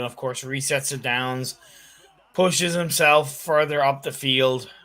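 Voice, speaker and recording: A man's voice: mid-range voice, bright, forceful tone. A man giving chatty color commentary on an esports football match, mixing analysis with jokes.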